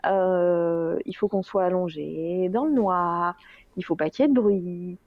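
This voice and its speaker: Woman guest, 30s, halting and wry, dry and slightly muffled sound. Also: on the low side, no room sound. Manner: hesitant, many fillers, wry self-mocking humor. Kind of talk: candid interview. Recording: slightly dull dry recording.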